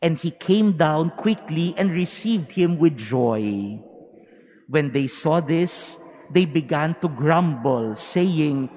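A man serving as a priest, proclaiming the gospel at Mass in a measured, solemn way, his voice ringing with cathedral echo. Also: fairly high pitch, animated, a little mellow, a little hiss or hum. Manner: measured, solemn, deliberate delivery. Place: large cathedral. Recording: long reverb of a large cathedral.

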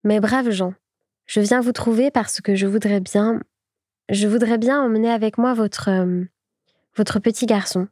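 A woman voicing a spoiled young rich lady who pleads in a trembling, halting voice. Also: medium pitch, steady tone, darkish tone, no room sound, studio quality, lightly acted. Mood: pleading.

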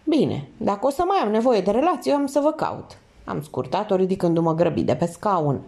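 A woman's voice: lively intonation, creaky, warm tone. A woman reading a crime novel aloud in the first person, lifting her voice for the characters' lines. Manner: reads in first person, lifts pitch for quoted speech. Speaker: audiobook reader.

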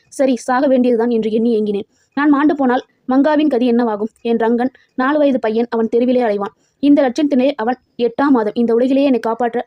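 A man's voice: extremely high pitch, dry recording, muffled recording. A woman voicing a poor, feverish male cart driver giving an anguished, earnest account.

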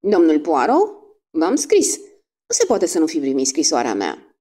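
A woman's voice: low voice, huge pitch swings, mellow, exaggerated voice. Woman voicing a cool, commanding lady of the house. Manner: crisp, authoritative tone.

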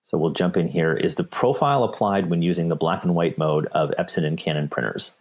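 A man's voice: low-pitched, fairly quick. A man, a technical specialist, answering viewer questions in a webinar, with frequent repeats and restarts. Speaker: paper company technical specialist.

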